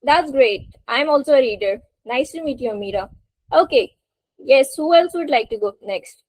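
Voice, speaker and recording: An English teacher hosting a webinar, this woman has a high-sitting, expressive voice with a darkish tone and a moderate pace. She teaches spoken English to a group on an online call, prompting and encouraging those taking part.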